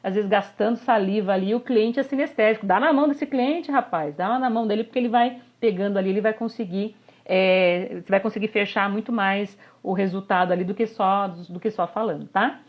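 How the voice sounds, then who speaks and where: A woman, a communication coach giving a live online workshop, animated and constantly checking in with her listeners. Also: mid-range voice, brisk, hardly any pauses. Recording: slightly dull lo-fi audio.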